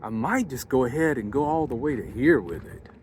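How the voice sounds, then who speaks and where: Faint wind and highway noise sits behind a man talking outdoors. He has a medium-pitched voice and chats casually as he works through a do-it-yourself job. His manner is folksy, as if thinking out loud. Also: animated, a little fast. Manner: folksy, thinking aloud while working. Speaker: vlogger. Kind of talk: casual do-it-yourself vlog narration. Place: outdoors beside a van near a highway, windy. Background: wind and interstate traffic.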